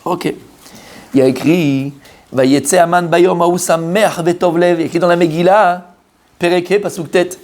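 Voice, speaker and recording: A man teaching a lively religious class to a room of men, asking questions and answering them himself, mixing Hebrew terms into his French. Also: high voice, a little slow. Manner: acts out the story's characters, mixes Hebrew terms into French.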